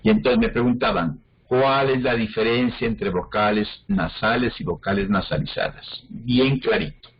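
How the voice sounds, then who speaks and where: A man's voice: on the low side, moderate pace, hardly any pauses, muffled recording, a little hiss or hum. A man teaching an online phonology class, explaining step by step and often checking whether students follow. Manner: explains step by step, checks understanding with frequent questions.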